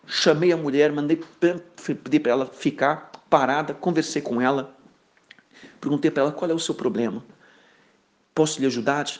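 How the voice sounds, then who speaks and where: A pastor shares a personal testimony during a sermon, speaking in an earnest, conversational way at medium pitch. He often ends his sentences with a questioning "né?" aside.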